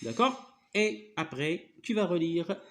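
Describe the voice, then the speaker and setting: A man's voice: high-pitched, lively intonation, takes it slowly, fairly bright tone. A man teaching French one-on-one, patiently spelling out sounds and often checking "d'accord?". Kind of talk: one-on-one reading lesson.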